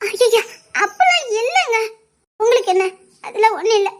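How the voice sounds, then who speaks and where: An actress playing a young wife in a family drama, speaking Tamil with a Tirunelveli accent, tearful and hesitant, often sobbing between words. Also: female voice, very high voice, brisk. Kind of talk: web series family drama.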